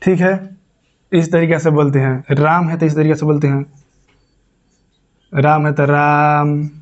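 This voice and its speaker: A male teacher explains a lesson in a slightly high voice, going over each point more than once. He asks questions and answers them himself. The recording sounds muffled and lo-fi. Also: fairly even intonation, unhurried, a little mellow. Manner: repetitive, explains step by step, asks and answers his own questions. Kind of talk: classroom lesson. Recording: dull lo-fi recording.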